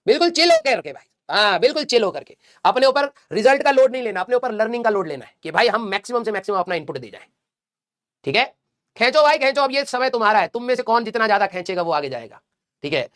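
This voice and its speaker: Male coaching teacher, rapid motivational pep talk, blunt and scolding, slangy asides. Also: high voice, fairly bright tone. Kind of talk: motivational talk to exam students.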